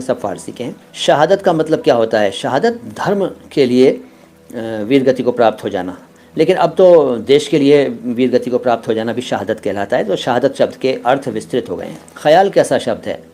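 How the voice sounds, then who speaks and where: A man's voice: mid-range voice, mellow. A man teaching the meanings and correct pronunciation of words. He asks a question and then answers it himself. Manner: stresses careful pronunciation. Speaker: language teacher. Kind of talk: word-meaning lesson.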